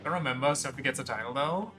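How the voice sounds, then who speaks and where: A man's voice: mid-range voice, racing, music in the background. A man giving casual livestream game commentary, joking and rambling as he goes. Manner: joking, rambling, reads game text aloud. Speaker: VTuber streamer.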